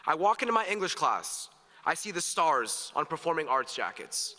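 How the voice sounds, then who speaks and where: In a large hall full of long reverb, a teenage graduation speaker offers an upbeat, earnest speech and cracks jokes. His fairly high voice swings widely in pitch, sounding bright and forceful at a moderate pace.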